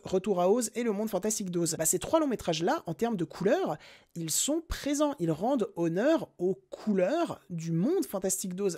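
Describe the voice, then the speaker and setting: A young man giving a casual, animated and emphatic film review on his podcast. He talks straight to his listeners. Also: high-pitched.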